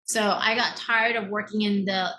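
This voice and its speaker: The audio is poor, but her medium-pitched voice comes through pushed and bright, with fairly even intonation and a moderate pace. She's a thirty-nine-year-old mindset coach, American-born and Taiwan-raised, recounting her personal story as an interview guest. Her delivery is earnest and emphatic, peppered with tags such as "right?".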